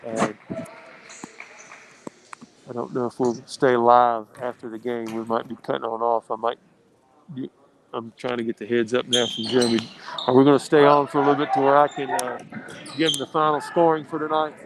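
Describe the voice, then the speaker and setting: In a school gym filled with noise and bouncing balls, an American man offers conversational local basketball commentary with folksy, coach-style asides. His medium-pitched voice is level, at normal speed with long pauses, and slightly muffled by a face mask.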